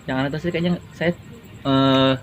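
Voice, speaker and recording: A man's voice: medium pitch, steady tone, moderate pace, muffled recording. A young man chatting casually as a guest, telling anecdotes with laughs and Islamic expressions. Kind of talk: casual interview. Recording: noisy background.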